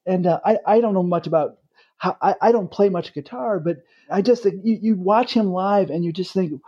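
High-pitched husky man on a muffled lo-fi line, guest, halting admiring talk. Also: dark tone. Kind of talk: casual chat.

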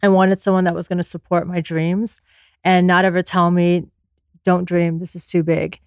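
A woman's voice: on the low side, level tone, moderate pace, dry recording, studio quality. A woman interview guest, born in Afghanistan and raised in the US, speaking earnestly and with self-assurance about her life. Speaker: podcast guest, entrepreneur. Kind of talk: candid interview conversation.

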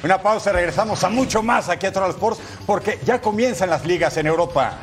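A man hosting a sports show, presenting news and highlights in a lively broadcast style. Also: brisk.

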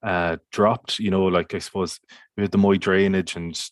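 Deep-voiced man with a west of Ireland accent. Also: flat delivery, moderate pace, dry recording, studio quality. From County Mayo, Ireland. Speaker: podcast guest, community water officer. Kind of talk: casual interview talk.

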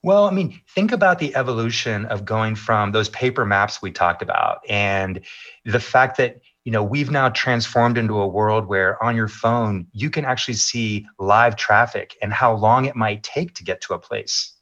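Speaking as a maps executive, this middle-aged man responds to interview questions with careful, polished points and a few fillers. The audio is dull, and his voice is fairly low-pitched with a slightly bright quality.

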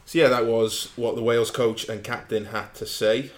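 A man hosting a rugby podcast in a relaxed, jokey way, teasing his co-hosts. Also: mid-range voice, normal speed. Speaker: podcast host, rugby writer. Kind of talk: casual podcast chat.

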